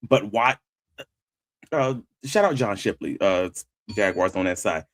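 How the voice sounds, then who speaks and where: A man's voice: on the low side, lively intonation, unhurried, no room sound. A man hosting sports talk, giving conversational analysis and stressing his key points as he argues them. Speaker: sports talk show host.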